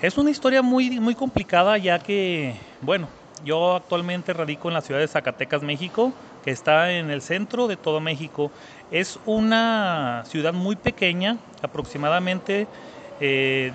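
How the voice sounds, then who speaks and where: A man's voice: fairly high pitch, a bit bright, slight background noise. Earnest Mexican man in his thirties. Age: 30s. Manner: earnest, repeats words for emphasis. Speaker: guest entrepreneur. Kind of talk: interview answers.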